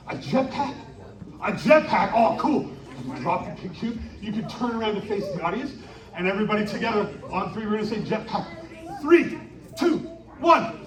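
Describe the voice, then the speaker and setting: A man performing a live interactive story show at a winter carnival, coaxing the audience into shouted call-and-response. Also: high-pitched. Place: outdoor winter carnival stage. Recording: echoey, distant live recording with crowd.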